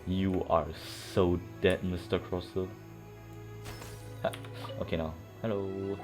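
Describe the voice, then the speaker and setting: Over a video game soundtrack, music and in-game dialogue, a streamer talks casually as he plays, mumbling side remarks and reasoning out loud. His voice is deep, flat and taken slowly.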